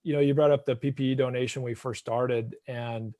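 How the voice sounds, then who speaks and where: A man's voice: mid-range voice, steady tone, fairly quick, warm tone, no echo. A man hosting a casual web chat over a video call, thanking his guests and reading out audience questions. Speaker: host.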